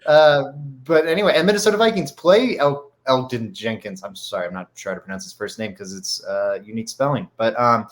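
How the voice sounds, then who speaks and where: A man's voice: medium pitch, fairly quick, hardly any pauses. A man with a stuffy nose co-hosting a sports podcast, rambling with lots of fillers and restarts. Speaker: podcast co-host. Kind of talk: casual sports talk.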